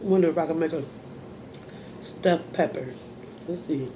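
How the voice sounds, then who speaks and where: Slow-talking American woman chatting while eating. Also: sits low, background noise. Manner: folksy, informal, talking between bites with savoring hums. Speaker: mukbang host. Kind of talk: casual mukbang chat while eating.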